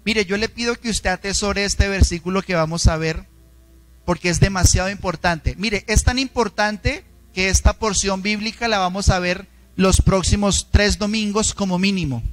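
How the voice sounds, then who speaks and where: Preaching in a church, a male pastor with a Colombian accent speaks at normal speed in a fairly bright voice with a steady tone, yet his delivery is dramatic and emphatic, his pitch shifting. He often poses questions to the congregation, and faint music plays in the background.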